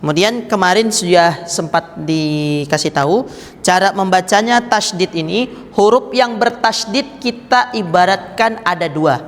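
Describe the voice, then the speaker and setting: A man's voice: sits high, normal speed, fairly bright tone. A man teaching Quran recitation, patiently demonstrating and repeating each sound for his students. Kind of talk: slow step-by-step recitation lesson. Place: mosque. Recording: echoey room with long reverb.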